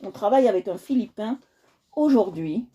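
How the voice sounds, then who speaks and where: A woman's voice: medium pitch, animated, moderate pace, mellow, a little hiss or hum. Chatty woman hosting a coloring livestream. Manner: chatty, repeats herself, addresses viewers directly. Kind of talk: casual livestream tutorial.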